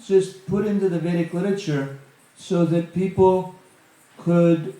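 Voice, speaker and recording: A middle-aged man, a guest speaker at a temple satsang, gives a conversational spiritual talk peppered with "you know" asides. His mellow voice sits high, with a steady tone and a measured pace. The temple hall he speaks in is very echoey.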